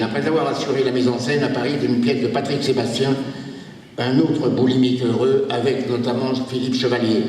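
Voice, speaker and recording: A man's voice: medium pitch, a little mellow, a little hiss or hum. A man giving a humorous ceremonial tribute speech, reading from a paper, sometimes stumbling, restarting and chuckling. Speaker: speaker inducting a new academy member. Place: reception hall at a ceremony. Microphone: handheld camera from the audience. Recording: echoey hall filmed from far off.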